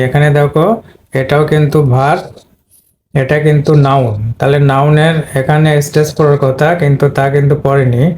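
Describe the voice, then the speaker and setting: Male teacher, slightly high, monotone delivery, faint hiss behind, patient step-by-step explainer. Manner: step by step, repeating words slowly. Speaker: English pronunciation teacher. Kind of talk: explaining at a board.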